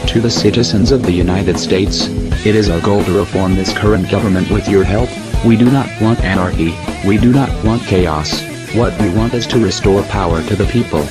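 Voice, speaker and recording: A man reading a solemn, measured statement as a group's spokesman, his voice disguised to sound deep. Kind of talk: scripted statement. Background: loud music.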